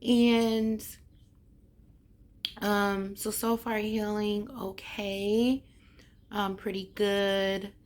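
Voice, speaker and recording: Hoarse woman, slow halting vlog chat. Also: mid-range voice. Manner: halting, trailing off as she searches for words. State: hoarse after neck surgery. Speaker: vlogger giving a health update. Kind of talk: casual chat to camera.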